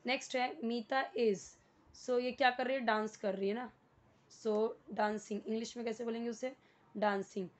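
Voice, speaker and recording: A woman's voice: on the high side, steady tone, moderate pace, lo-fi sound. A woman with an Indian accent teaching beginner English, explaining a worksheet patiently and spelling words out letter by letter.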